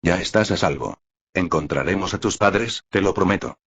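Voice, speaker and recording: Guy doing a low husky young hero full of guilt, storybook audio kinda muffled. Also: animated, moderate pace, a bit bright, full character voice. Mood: gentle. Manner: low, self-reproaching delivery. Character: young male hero, guilt-ridden and anguished.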